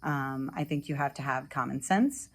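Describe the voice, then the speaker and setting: A woman teacher answering interview questions sincerely and thoughtfully, with frequent pauses. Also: a bass voice. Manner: thoughtful, sincere, many ums and uhs.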